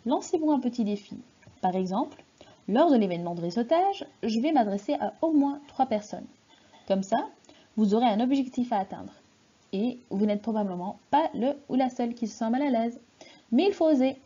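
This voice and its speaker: Dark-voiced woman giving tips. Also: on the high side, animated, fairly quick, breathy edge, lo-fi sound. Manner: instructive, addressing the listener directly. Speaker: student presenter. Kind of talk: scripted presentation.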